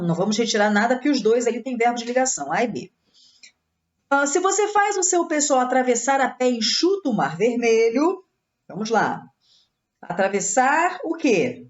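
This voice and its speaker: A Brazilian woman runs an exam-prep grammar lesson, walking through each answer step by step and checking in with her students. Her voice sits fairly high and swoops up and down with plenty of life. The recording sounds a little dull and lo-fi. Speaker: Portuguese teacher.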